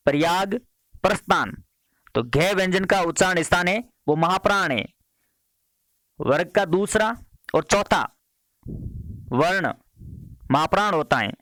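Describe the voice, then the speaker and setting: A man running a quiz-style grammar lesson for exam students, his voice sitting a little high. He reads out each question with its options, then repeats it and settles the answer, moving briskly from one question to the next. The sound is dry and close. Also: animated, sharp tone, no echo. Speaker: exam-prep teacher.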